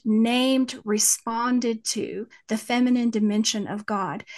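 A woman with a West Texas twang, speaking as an interview guest in a thoughtful, halting way as she searches for words. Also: on the high side. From West Texas, United States. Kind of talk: reflective interview conversation about faith.

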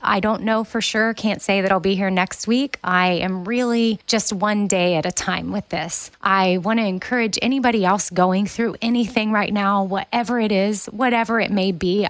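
A woman's voice: mid-range voice, fairly bright tone, dry recording. A woman hosting her own podcast in a casual monologue, talking candidly and from the heart, emotional and near tears at times. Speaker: podcast host.

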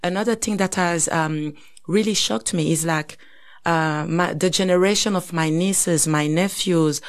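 A podcast co-host from the Democratic Republic of Congo talks in a casual conversation with a lower voice and a slightly slow pace. She is reflective and thinks aloud, using many fillers and restarting her sentences.

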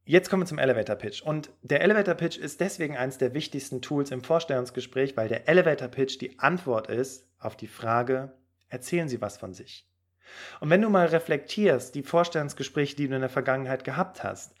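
A man hosting a podcast as a career coach, giving job-interview advice in a lively, direct way with fillers. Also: medium pitch, fairly quick.

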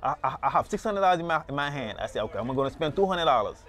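A Senegalese man who runs a market booth tells his story in a casual street interview, outdoors at a beach market stall. His voice sits on the high side, a bit bright, very animated and rapid-fire. He rambles, repeats words, and says "you know" constantly.

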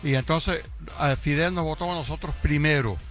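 A man's voice: on the high side, normal speed, a bit bright, faint music behind. An older man with a Cuban accent, chatting casually in a street interview and rambling a bit. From Cuba. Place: outdoors on a street.

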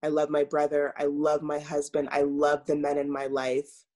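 A woman coach speaking as an interview guest, measured and earnest, pausing often with fillers. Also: deep voice, completely flat delivery, a little mellow. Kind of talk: reflective interview talk.

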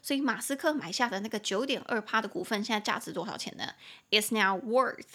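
A young woman hosting a chatty podcast English lesson, explaining words slowly and repeating them. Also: mid-range voice, fairly bright tone. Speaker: podcast host, English teacher.

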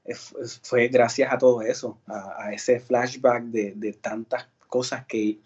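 A man's voice: mid-range voice, level tone, unhurried, a little mellow, slightly rough, lo-fi sound. A Puerto Rican man, an actor and singer, telling his story in a casual interview with many fillers and restarts. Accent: Puerto Rican Spanish. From Puerto Rico.

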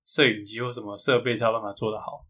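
Fast-talking man with a Taiwanese accent. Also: fairly low pitch, fairly even intonation, sharp tone. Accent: Taiwanese Mandarin. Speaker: podcast co-host. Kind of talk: casual chat.

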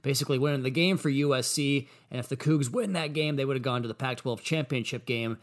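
A man's voice: medium pitch, quick pace. An American man hosting a sports podcast, talking in a monologue.

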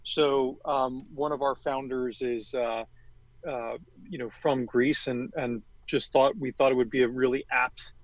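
A man's voice: medium pitch, steady tone, unhurried, dry recording. Hesitant man with muffled audio. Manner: hesitant, many fillers and restarts. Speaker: guest, marketing executive. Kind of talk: conversational interview.

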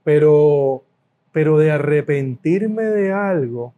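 A middle-aged man with a Puerto Rican accent, a food business owner telling stories as an interview guest, animated and repeating words for emphasis. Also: fairly high pitch, takes it slowly, narrow, tinny audio. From Puerto Rico. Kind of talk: casual interview storytelling.

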